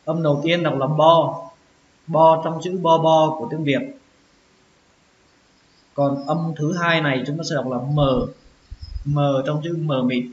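A man with a fairly high voice teaches pronunciation, breaking each word apart and repeating it slowly. The recording is roomy and echoey, with a dull lo-fi tone and a faint hiss behind it. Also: fairly even intonation. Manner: slow, drawn-out repetition of words. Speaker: English teacher. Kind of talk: pronunciation lesson.

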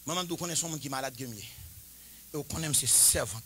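A man in his forties preaching a sermon, chanting and shouting at the peaks and dropping to quiet, confiding talk between them. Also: fairly high pitch, brisk, a little hiss or hum. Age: 40s. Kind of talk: Pentecostal-style sermon.

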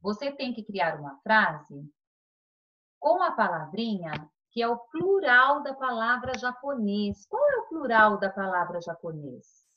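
A woman's voice: on the high side, sing-song, measured pace, highs cut off. A young Brazilian woman teaching a recorded online class, cheerful and sing-song, stretching the key words as she goes. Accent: Brazilian Portuguese.

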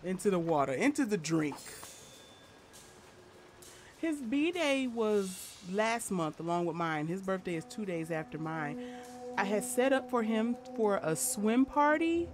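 A woman streaming a game live, chatting casually and playfully between bits of play. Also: medium pitch. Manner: chatty, playful, laughs easily. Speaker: gaming streamer. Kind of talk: casual live gameplay chat. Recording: game music playing underneath. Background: game soundtrack.

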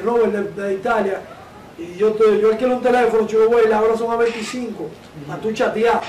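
A man's voice: sits high, a little hiss or hum. A man, an interview guest telling a long story and acting out the voices of the people in it. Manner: animated storyteller, acts out quoted voices.

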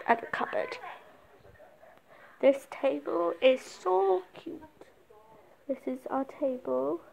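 A woman's voice: high voice, gravelly, slight background noise. A woman giving a casual walk-through of her home, chatting and listing things as she goes, recorded on a handheld phone indoors. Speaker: vlogger giving a house tour. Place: inside a home, moving between rooms. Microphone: handheld phone camera.

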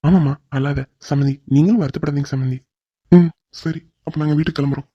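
A man's voice: fairly high pitch, fairly even intonation, quick pace, slightly rough, no room sound. A man voicing a reassuring, middle-aged father of the groom in a cartoon drama, soothing the other family. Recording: dull lo-fi recording.

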